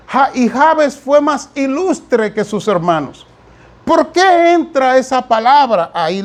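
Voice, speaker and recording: A male pastor delivers a sermon in a high voice, pressing his points with repetition. He keeps turning to the congregation and telling them to listen closely. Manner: emphatic, repetitive preaching with asides to the congregation.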